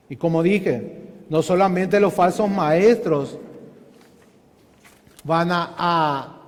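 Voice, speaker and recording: A man's voice: fairly high pitch, in a large hall. A man pastor giving an earnest Bible study sermon, asking his listeners questions and calling them brothers. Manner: earnest preaching with rhetorical questions, repeatedly addressing "hermanos". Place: church hall.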